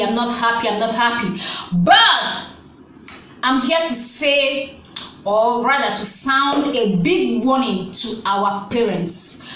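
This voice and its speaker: A woman's voice: fairly high pitch, a bit bright, roomy sound, a little hiss or hum, rough recording. A woman with a Nigerian accent talking straight to her viewers in a vlog, repeating herself and exclaiming as she warns parents. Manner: repetitive, exclamatory, preachy. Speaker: YouTube vlogger. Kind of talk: emotional direct-to-camera vlog.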